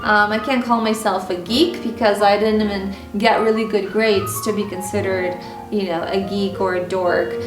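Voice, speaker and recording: Speaking at normal speed in a steady, mid-range voice, a woman from Ukraine recounts personal stories to camera, candidly and conversationally with many fillers. Her native language is Russian, and she vlogs about style and mindset. The mic is far from her, the room echoes, and a music bed plays.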